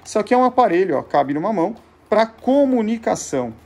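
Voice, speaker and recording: Quick-paced and high-pitched, this man's voice swings widely in pitch, carries vocal fry, and is a little mellow. He has a Brazilian Portuguese accent and presents a vintage gadgets show through an informal demo, teaching by posing questions to himself and answering them.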